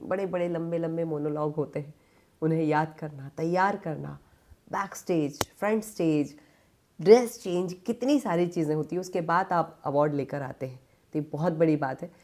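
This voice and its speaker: A woman hosting a radio interview in a studio. Her voice sits low and mellow, and her delivery is polished and attentive. She speaks in clear, even phrases suited to broadcast. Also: normal speed. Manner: polished, attentive, gives frequent brief affirmations. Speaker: radio presenter.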